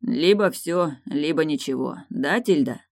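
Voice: medium pitch, lively intonation, measured pace, gravelly, dry recording, clean studio sound. A single reader voicing a resentful young man who lashes out in anger, in audiobook style. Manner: resentful, shouting. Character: angry, wounded young man. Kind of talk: audiobook character voice.

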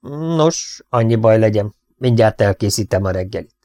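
A man's voice: fairly low pitch, animated, dark tone, no echo, studio quality, close to an everyday voice. A man reading the part of an easygoing, careless young man with a breezy, offhand way of talking, in a storybook reading.

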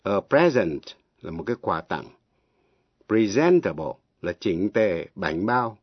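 A man teaching English pronunciation on the radio, slow and deliberate, spelling words out letter by letter. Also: low-pitched, very animated, breathy edge, dry recording. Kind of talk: slow radio language lesson. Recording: dull, lo-fi radio broadcast.

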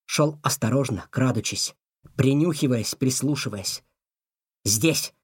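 Expressive male storybook narrator. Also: on the high side, normal speed, no echo, clean studio sound.

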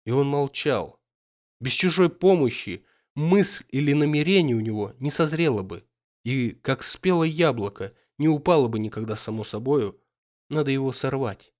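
A man's voice: medium pitch, expressive, moderate pace, highs cut off. Man reading a classic novel. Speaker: audiobook narrator. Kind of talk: literary audiobook reading.

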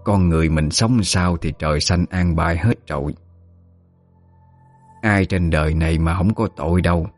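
A man voicing an elderly female village exorcist, speaking slowly and with authority in a Southern Vietnamese accent. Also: low voice, darkish tone, soft background music. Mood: calm. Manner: slow, soothing, commanding.

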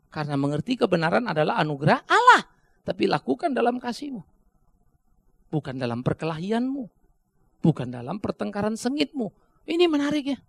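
A middle-aged male pastor preaching a sermon, jumping from loud bursts to quiet asides. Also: high voice, gravelly, dry recording, studio quality.

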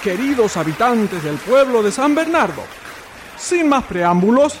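Man as pompous master of ceremonies, very high male voice, slow ceremonious delivery, audio drama, noisy crowd. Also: very animated, full character voice. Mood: pompous, festive. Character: grandiose master of ceremonies at a town festival.

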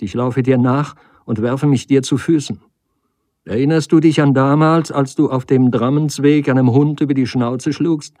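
A man's voice: medium pitch, darkish tone, dry recording, studio quality, voice pushed up, lightly acted. A man reading the part of a desperate woman who weeps, pleads and reproaches her lover. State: crying.

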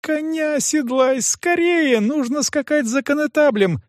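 A man's voice: measured pace, dry recording, clean studio sound. A man putting on a frantic peasant girl. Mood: urgent pleading. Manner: shrill, urgent, begging. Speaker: audiobook narrator.

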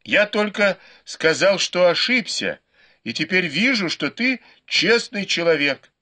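A male reader voicing a cowardly, beaten young nobleman who whimpers and begs in shrill cries. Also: very animated, unhurried, sharp tone, full character voice. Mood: pleading.

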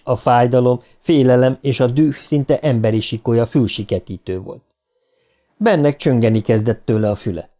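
Man, audiobook narrator, mellow dark tone, mid pitch, vivid reading. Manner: vivid, rising for shouted lines.

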